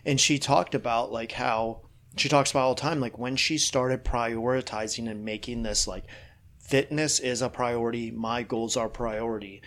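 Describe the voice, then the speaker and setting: A middle-aged man talking shop as a fitness coach, loose and rambling, full of "you know" and "like". He is frank and swears now and then, in an easygoing podcast chat at an ordinary pitch. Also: fairly even intonation, normal speed, fairly bright tone.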